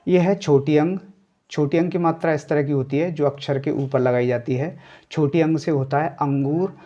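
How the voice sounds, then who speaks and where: A man's voice: a little high, highs cut off. A man teaching a reading lesson step by step, sounding out words syllable by syllable and then saying them whole, often checking in with "okay". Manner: checks in with a frequent "ठीक है". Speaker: Hindi teacher.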